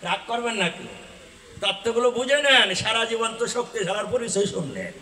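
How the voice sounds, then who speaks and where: A man, a folk religious storyteller who explains, quizzes his audience and bursts into shouts. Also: high-pitched, very animated, normal speed. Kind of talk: devotional folk drama preaching. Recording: echoey venue sound.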